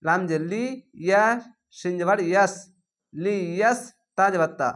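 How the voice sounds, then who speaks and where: A man teaching Quran reading, with a Bangladeshi Bengali accent, spelling words letter by letter and slowly stretching the recited words. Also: high voice, a bit bright.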